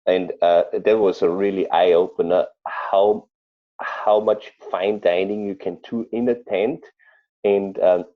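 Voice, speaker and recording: A man with an Austrian accent, a chef telling stories in an interview, speaking haltingly with many fillers and restarts. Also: sits low, steady tone, narrow, tinny audio. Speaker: chef guest. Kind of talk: conversational interview storytelling.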